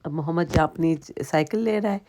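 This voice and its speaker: This vlogger is a Sindhi-accented woman in her thirties, a native speaker of Sindhi, whose voice is low-pitched and dark, with a little background noise. Her home vlog talk is chatty and meandering, full of restarts and side comments.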